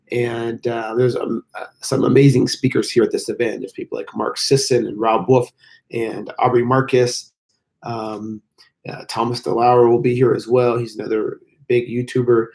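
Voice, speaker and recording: Hoarse American man with a breaking voice. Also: medium pitch, darkish tone. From United States. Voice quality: hoarse, gravelly. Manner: strained, breaking voice. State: voice mostly lost from sickness. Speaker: fitness YouTuber hosting a livestream. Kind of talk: casual livestream chat. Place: hotel room.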